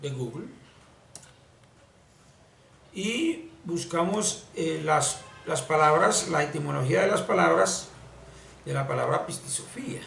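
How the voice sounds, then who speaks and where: A man teaching spiritual ideas in an explanatory lesson, talking slowly and deliberately and repeating words for emphasis. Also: on the high side, expressive, vocal fry, a bit bright. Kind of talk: explanatory screen-share lesson. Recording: echoey room, distant mic, faint hiss.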